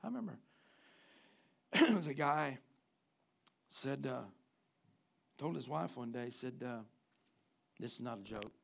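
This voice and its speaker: Gravelly preacher man, loud then soft. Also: medium pitch, expressive, measured pace, long pauses. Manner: preaching with sudden loud rises and soft drops, mimicking guys. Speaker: pastor. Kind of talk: sermon.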